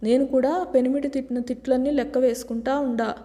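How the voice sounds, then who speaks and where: A woman's voice: sits high, steady tone, brisk, mellow, close to an everyday voice. A woman voicing a naive young village wife who talks in a rustic, whiny, playful way, with a long reverb. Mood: complaining.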